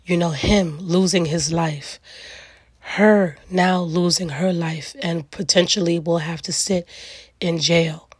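A middle-aged woman with a raspy, gravelly voice hosts a solo reflective talk, speaking earnestly and emphatically in weighty repeated phrases. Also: lowish voice, fairly even intonation, slow pace, no room sound. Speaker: podcast host.

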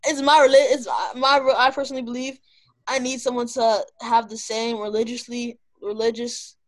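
High-pitched young woman, slangy casual storyteller. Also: little pitch movement, moderate pace. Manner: slangy, often saying "bro".

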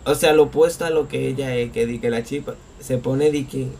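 A man's voice: mid-range voice, darkish tone, slight background noise. A young man with a Dominican accent, chatting casually with friends, starting and restarting his sentences. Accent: Dominican Spanish. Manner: halting, restarts a lot. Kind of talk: casual chat.

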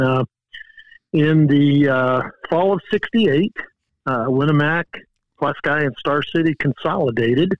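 A man in his sixties from Indiana who played and coached high school football. He tells his story in a folksy, rambling way, full of fillers. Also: no echo, dull audio. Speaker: guest coach. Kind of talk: casual storytelling.

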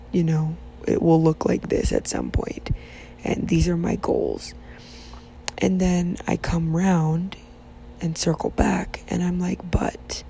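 A woman hosting a casual faith podcast, sleepy and yawning, talking softly in a half-whisper and rambling with restarts. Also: on the low side, creaky, a little hiss or hum, poor audio. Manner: soft, half-whispered talk while her child sleeps; rambling, with many restarts and fillers. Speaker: podcast host.

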